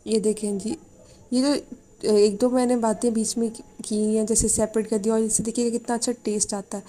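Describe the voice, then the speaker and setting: A woman's voice: on the high side, little pitch movement, brisk, dark tone. A woman from Pakistan, hosting a cooking channel in a chatty, instructive voice-over and mixing in English words. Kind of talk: casual recipe voice-over. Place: home kitchen.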